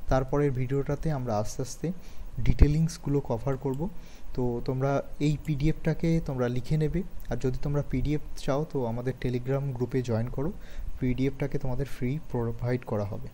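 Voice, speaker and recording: Mellow-voiced Bengali man teaching English. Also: medium pitch, fairly even intonation, normal speed, slight background noise. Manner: patient, repeats points and quizzes students. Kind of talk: online lesson explaining grammar.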